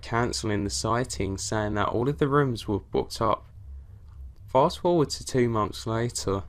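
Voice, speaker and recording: A man reading out scripted horror stories in a steady, even storytelling delivery. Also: mid-range voice. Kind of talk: scripted narration of reader stories.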